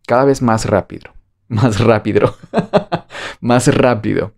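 A man's voice: lowish voice, takes it slowly, vocal fry, darkish tone. A man with a Mexican Spanish accent teaching a beginner English lesson online, playful and jokey, drilling phrases by repetition.

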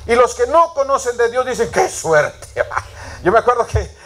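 High-voiced male preacher telling a story. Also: normal speed, a bit bright. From Latin America. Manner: storytelling, asks the congregation questions. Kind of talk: sermon.

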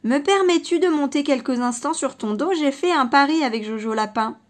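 A woman voicing a vengeful, grumbling male fox in a children's storybook, blustering and shouting. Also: sits high, normal speed, close to an everyday voice. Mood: smug.

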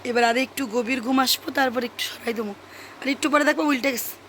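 A young woman vlogger chatting casually to viewers while she minds a baby, dropping into soft cooing baby talk. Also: fairly high pitch, fast talker, slight background noise, rough recording.

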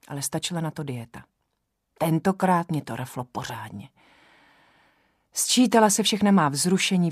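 A woman narrating a novel in the first person, in a measured storytelling manner. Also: lowish voice, darkish tone, dry recording, studio quality. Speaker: audiobook narrator.

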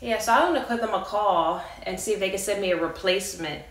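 Speaking fast at a medium pitch, a thirty-something American vlogger chats playfully and casually while unboxing in a carpeted living room. The camera sits a few meters away, leaving the sound distant and echoey amid loud clattering handling noise.

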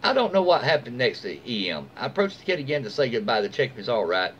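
Reading online stories aloud from a small room at home, this American storyteller in his forties talks fast with big pitch swings in a slightly bright, mid-range voice. He's informal, occasionally tripping over words and fixing them, and the dull lo-fi mic picks up faint background noise.

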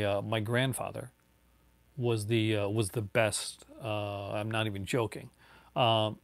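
Low and gravelly, this man's voice comes through a dry recording. He's a YouTuber in his forties from Newfoundland, Canada, with a light local accent, answering viewer chat on a live stream from a home room lined with bookshelves, rambling casually with lots of fillers and restarts.

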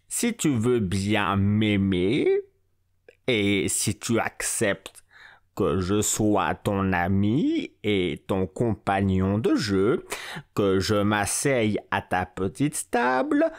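Male narrator doing the grave frog king, unhurried and melodic, storybook tone. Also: on the low side, full character voice. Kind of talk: storybook reading.

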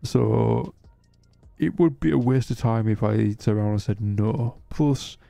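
A man chatting casually while streaming a game, rambling and hesitant, with a croaky, sleepy voice. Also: lowish voice, measured pace, warm tone, no room sound, soft background music. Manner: rambling and hesitant, many restarts. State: sleepy, yawning. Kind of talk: casual live-stream chat.

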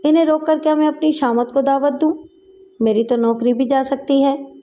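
A woman's voice: high-pitched, steady tone, normal speed, warm tone, a little hiss or hum, close to an everyday voice. A woman voicing an indifferent male policeman in a story, speaking offhandedly. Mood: dismissive. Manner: offhand and dismissive.

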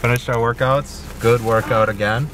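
A man's voice: mid-range voice, fairly even intonation, normal speed. A young man chatting casually into a handheld camera, upbeat and joking as he rambles. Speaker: fitness vlogger. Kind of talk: casual vlog chat. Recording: noisy handheld vlog recording.

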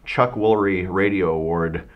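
Deadpan man in his fifties, low voice. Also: normal speed, lo-fi sound. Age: 50s. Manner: deadpan, absurd boasts. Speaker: radio DJ. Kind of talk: mock debate comedy.

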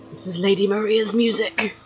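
A woman's voice: medium pitch, muffled recording. A woman chatting casually to her viewers while she draws on a livestream, laughing often and reacting to their comments. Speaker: art streamer. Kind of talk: casual chat while drawing on stream. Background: faint background music.

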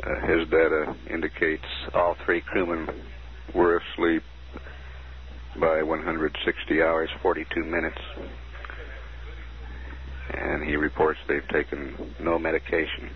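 A man giving formal, businesslike mission status announcements, reading out figures in a measured way, heard through a muffled radio transmission. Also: extremely low pitch, completely flat delivery. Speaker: mission control commentator. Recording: dull 1969 archive broadcast, faint hiss.

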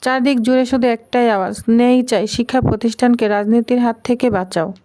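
A woman giving a scripted, steady recap of a TV serial episode, reading the characters' lines aloud in her own plain voice. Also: on the high side, fairly quick. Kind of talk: scripted narration.

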